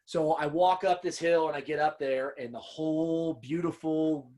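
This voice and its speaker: A man's voice: fairly high pitch, fairly even intonation, normal speed, darkish tone. A man telling hunting stories as an interview guest, earnest and emotional, often saying "man" and "dude". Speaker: podcast guest, upland hunter and dog kennel owner. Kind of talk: casual storytelling interview.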